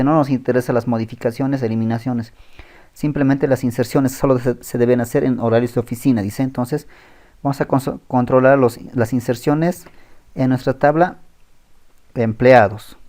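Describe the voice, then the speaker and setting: A man's voice: mid-range voice, fairly even intonation, dark tone. Man walking through code while he types. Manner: thinks aloud while typing, with pauses and self-corrections. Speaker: programming tutor. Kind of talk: screen-recorded coding tutorial.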